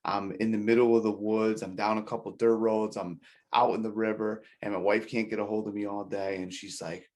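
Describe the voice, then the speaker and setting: A man's voice: lowish voice, flat delivery, brisk, a little mellow. A man hosting a podcast interview, chatting and telling a story in an easygoing way. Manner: easygoing, laughing along. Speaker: podcast host. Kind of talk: casual interview chat.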